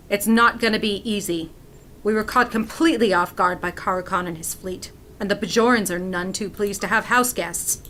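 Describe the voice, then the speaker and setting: A woman's voice: medium pitch, a bit bright, slight background noise, close to an everyday voice. A woman voicing an earnest female station commander in a video game, giving a military briefing.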